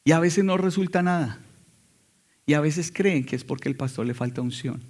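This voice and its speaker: Emphatic male pastor, slightly high voice. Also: normal speed. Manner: emphatic preaching with sudden loud and quiet passages. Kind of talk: sermon.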